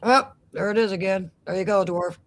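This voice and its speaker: A woman co-hosting a casual live stream, reading out chat messages and tossing in quick exclamations and jokes. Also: mid-range voice. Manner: chatty, quick to exclaim, jokey asides.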